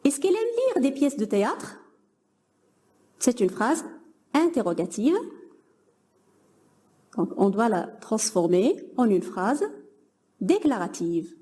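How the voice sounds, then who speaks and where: A woman's voice: a little high, very animated, slow pace, pauses often, mellow. A young woman teaching a grammar lesson to middle-school pupils, patiently explaining and praising imagined answers.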